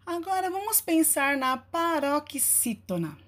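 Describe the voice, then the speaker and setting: A woman teaches a scripted lesson at a very unhurried pace. Her voice sits a little high, and she draws out the words she wants to stress. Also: big pitch swings, fairly bright tone. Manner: deliberate, stretching key words. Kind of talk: slow, scripted grammar lesson narration.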